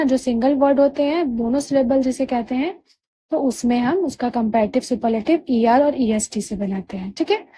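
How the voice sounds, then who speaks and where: High-voiced, mellow woman teaching grammar. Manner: patient, repeats "ठीक है" and "है ना" to check understanding; drawls key words slowly to spell them out. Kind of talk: explanatory lesson.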